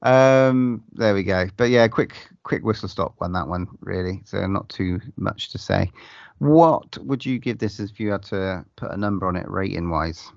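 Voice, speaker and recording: A man's voice: low voice, normal speed, creaky, no echo, highs cut off. A man co-hosting a horror film podcast in casual chat, swearing freely and often restarting his sentences. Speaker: podcast co-host.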